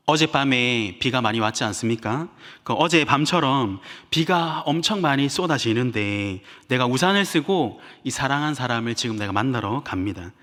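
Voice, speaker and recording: A man's voice: mid-range voice, bright, forceful tone. A male pastor preaching a sermon, who acts out little everyday scenes and makes playful sound effects. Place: church sanctuary. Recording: church hall reverb.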